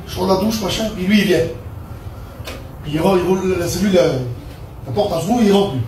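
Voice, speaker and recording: Fervent preacher, a man from southern France, high voice, church testimony caught by a distant mic. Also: moderate pace, a little mellow, a little hiss or hum. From Perpignan, southern France. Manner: fervent, storytelling with repeated "je dis". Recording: echoey room picked up from a distance.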